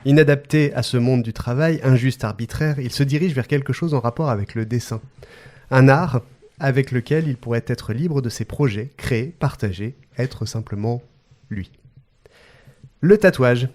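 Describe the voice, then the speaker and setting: A podcast host with a medium-pitched, darkish voice reads a guest introduction at a moderate pace. He's playful throughout, tossing in joking asides and breaking into laughter often.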